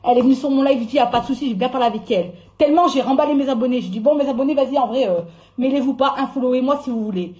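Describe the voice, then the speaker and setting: A young woman on a phone live stream, angrily swearing and ranting, swinging between shouts and low mutters. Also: very fast. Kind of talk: heated live-stream rant. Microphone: phone during a live stream.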